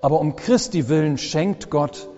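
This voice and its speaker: A man preaching a sermon as pastor, slow and solemn with dramatic pauses, in a church. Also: on the high side, dark tone. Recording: long church reverb, dull lo-fi sound.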